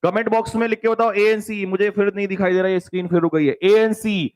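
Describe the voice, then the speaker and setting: A man teaching English spelling in a live online class, with an Indian English accent. He spells words letter by letter and keeps urging students to answer fast, calling them "beta" and "bhai". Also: high-pitched, fairly even intonation, a little mellow, low-quality recording. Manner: calls students "beta" and "bhai", reads out their comments.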